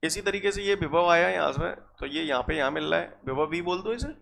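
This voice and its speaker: Gravelly-voiced male physics teacher. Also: fairly high pitch, brisk, fairly bright tone, slight background noise. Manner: checks in with students often. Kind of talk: classroom lecture.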